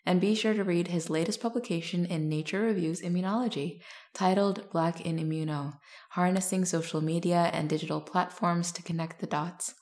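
A woman's voice: on the low side, fairly even intonation, normal speed, a little mellow. Upbeat woman hosting a science podcast. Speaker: podcast host. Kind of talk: scripted intro then interview.

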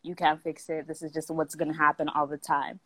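A woman's voice: sits low, little pitch movement, a little fast, a bit bright, no room sound. A young woman from South Africa, telling a story in a casual chat with lots of fillers, acting out the people she quotes.

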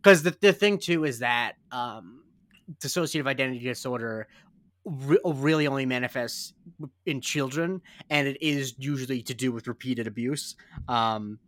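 A man's voice: mid-range voice, moderate pace, a bit bright, no echo. A man casually discussing a TV episode, thoughtful and hedging, with frequent ums and self-corrections.

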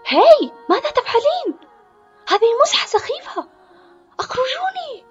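A woman voicing a lonely, gentle seven-year-old girl in a children's audio story, her voice rising into high, loud cries when frightened. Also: animated, quick pace, soft background music, lightly acted. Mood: panicked. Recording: dull lo-fi recording.

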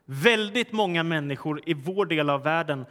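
A man's voice: on the high side, big-room sound. A man preaching a sermon, telling a humorous story and then reading scripture aloud. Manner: storytelling, animated in punchlines. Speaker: pastor.

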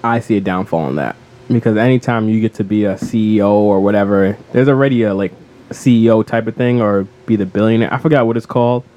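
Energetic, jokey young-sounding man. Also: lowish voice, fast, muffled recording. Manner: energetic and playful, laughs between jokes. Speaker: podcast co-host. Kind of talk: casual gaming podcast chat.

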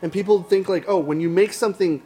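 A man's voice: high voice, quick pace, dark tone. Rambling man in casual chat. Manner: rambling, many restarts and fillers.

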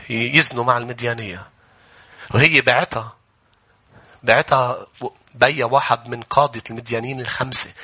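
Male pastor, forceful, driving preaching that swells into shouts. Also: mid-range voice, slightly rough. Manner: impassioned preaching, often rising to shouts. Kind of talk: sermon.

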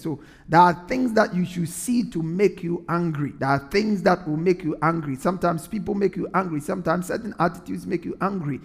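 A man's voice: high-pitched, gravelly, slightly rough, long reverb tail. A man preaching a sermon in an earnest way, repeating phrases for emphasis.

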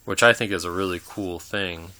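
A man's voice: low-pitched, normal speed, pushed and bright. A man co-hosting a casual home podcast, laid-back and swearing, recorded on a phone. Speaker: podcast co-host. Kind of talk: casual chat. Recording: phone recording with faint noise.

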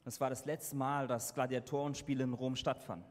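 A man interpreting a sermon live into German, halting and correcting himself as he goes. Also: medium pitch, flat delivery. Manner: halting, with fillers and self-corrections. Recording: reverberant hall sound.

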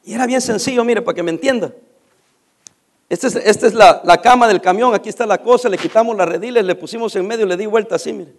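A man's voice: sits high, fast talker. A middle-aged man with a Mexican accent telling a casual work anecdote, acting out the dialogue and laughing as he goes. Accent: Mexican Spanish. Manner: animated, acts out dialogue, laughs while telling. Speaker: storyteller.

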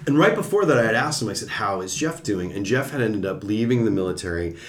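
Fast-talking low-voiced man telling a story. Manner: animated, acts out quoted voices. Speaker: podcast guest, former TV executive. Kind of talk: casual storytelling.

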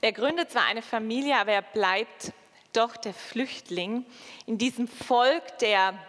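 A woman preaching a sermon and reading scripture in a slow, measured way with dramatic pauses. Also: on the high side, a bit bright. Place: church. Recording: long church reverb.

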